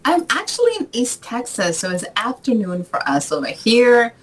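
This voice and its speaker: Husky-voiced woman guest from the Dominican Republic. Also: a little high, moderate pace, low-quality recording. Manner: lively storyteller, laughs often. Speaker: author guest. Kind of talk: casual interview chat.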